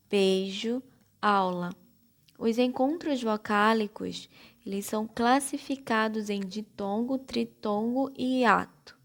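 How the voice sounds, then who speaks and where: A woman teacher with a Brazilian Portuguese accent, giving a slow, careful primary-school lesson and spelling out syllables one by one. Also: medium pitch, gravelly. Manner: spells out syllables slowly and deliberately.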